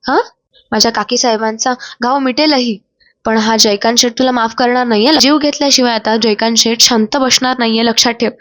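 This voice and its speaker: A woman's voice: a little high, fairly even intonation, a little fast, dry recording, clean studio sound, lightly acted. A woman voicing a hot-tempered, threatening village strongman in a retold TV drama. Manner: threatening, shouting.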